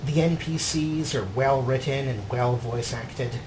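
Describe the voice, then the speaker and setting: With a mid-range voice and measured delivery, a man narrates his video game show, mixing scripted in-character journal readings with host commentary. The background is noisy.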